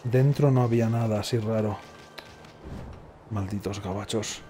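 A man's voice: on the low side, fairly even intonation, moderate pace, dark tone. A man giving casual let's play commentary, sarcastic and rambling, often muttering to himself. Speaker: gaming streamer. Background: faint game music.

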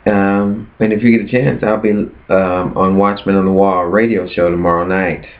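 A man's voice: deep voice, level tone, moderate pace. A man preaching earnestly in a casual vlog, often asking rhetorical questions. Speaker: preacher sharing his fast. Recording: tinny phone-like sound.

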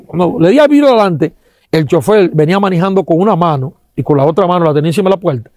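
Dominican man, rapid lively storytelling, dark tone, dry close sound. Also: sits high, no room sound. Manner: acts out sounds and quotes, religious exclamations. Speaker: interviewee giving a testimony. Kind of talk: animated storytelling testimony.

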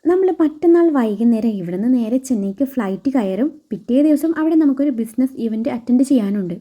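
A woman's voice: a little high, lively intonation, fairly quick, warm tone. A woman voicing a teasing young doctor husband. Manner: dry, teasing.

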